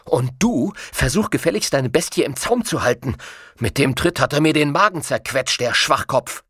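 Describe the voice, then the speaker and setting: A man's voice: mid-range voice, sing-song, moderate pace, a bit bright, no room sound, studio quality. A man reading a story aloud, voicing a scrawny young male swindler who snaps orders harshly. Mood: snapping angrily. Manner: harsh, snapping.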